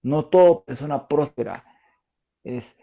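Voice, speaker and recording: A male preacher with a Peruvian Spanish accent delivers a sermon. He talks in a relaxed, conversational way and keeps asking his listeners questions. His voice is gravelly and dark. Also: a little high, unhurried, dull audio. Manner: conversational, asks the audience questions, frequent fillers.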